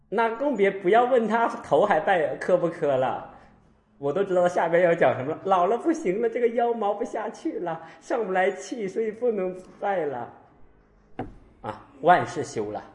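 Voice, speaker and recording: A Buddhist monk giving a lively sermon, telling stories and acting out both sides of conversations with laughter. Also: male voice, mid-range voice, roomy sound. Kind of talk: dharma talk sermon.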